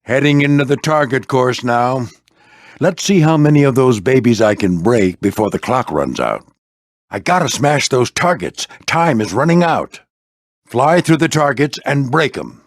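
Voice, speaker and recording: In an animated video game, an old veteran warplane serves as a gruff but fatherly mentor to his squadron, speaking at a measured pace in an encouraging, folksy mood. His pitch moves freely, his talk mixes homespun phrasing with clipped military lines, and the close, dry recording has no echo.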